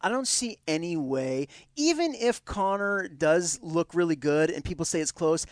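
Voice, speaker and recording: A male co-host with a fairly high voice chats in a relaxed way, often pausing with fillers and restarts. The recording is dry and close. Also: no room sound. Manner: hesitant, laughs easily. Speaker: sports show co-host. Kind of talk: casual sports chat.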